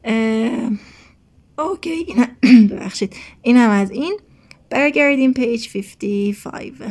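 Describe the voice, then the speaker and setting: A woman from Iran teaches an English lesson online, her voice a little high and a little mellow. She explains patiently with plenty of fillers, slips English phrases into her talk, and clears her throat as her voice begins going hoarse.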